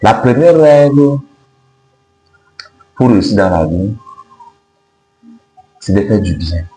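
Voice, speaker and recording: A man hosting a self-help video gives motivational advice to camera, speaking slowly in a lowish, dark and expressive voice. His delivery is emphatic, repetitive and didactic, and the recording has a roomy echo with faint noise and hum.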